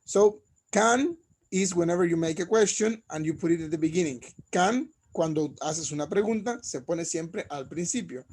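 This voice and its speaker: Husky high-voiced bilingual English teacher. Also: male voice, expressive, a little mellow. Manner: switches between English and Spanish, repeating each phrase; slows down to model pronunciation. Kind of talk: bilingual classroom lesson.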